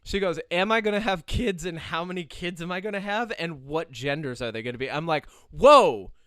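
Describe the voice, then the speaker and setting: A man's voice: a little high, brisk, smooth, no room sound, studio quality. A young man hosting a podcast in casual chat, telling stories with frequent laughs and restarts. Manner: animated storyteller, laughs often, restarts. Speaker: podcast host.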